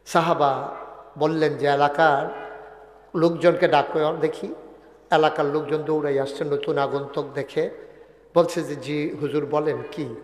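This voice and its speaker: Fiery preacher in an echoing hall. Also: male voice, fairly high pitch. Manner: chanting Arabic verses, swinging between shouts and hushed storytelling. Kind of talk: Bengali waz sermon. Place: large sermon gathering. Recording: echoey hall with long reverb.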